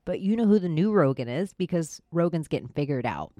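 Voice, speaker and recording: A woman's voice: sits low, expressive, fairly quick, warm tone, dry recording. Blunt woman ranting in a dry recording. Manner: blunt, colloquial, sarcastic. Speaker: vlogger. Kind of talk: opinionated monologue rant.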